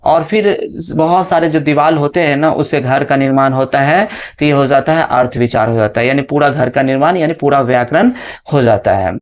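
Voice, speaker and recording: A man teaching a grammar lesson step by step, often checking in with his students and drawing out letter sounds slowly as he recites them. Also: medium pitch, dull audio. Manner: explains step by step with frequent "है ना" and "ठीक है" check-ins. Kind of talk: classroom lesson explanation.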